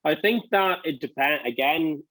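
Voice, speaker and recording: A man's voice: fairly high pitch, normal speed, fairly bright tone, no echo, low-quality recording. A man with a Dublin accent giving casual interview answers, rambling as he thinks aloud. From Dublin, Ireland. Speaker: interview guest, restaurant owner.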